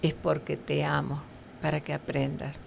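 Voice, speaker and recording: A woman voicing a firm but loving father in a story she tells, speaking calmly and steadily. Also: normal speed, creaky, slight background noise. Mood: firm, tender. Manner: firm, calm, lower.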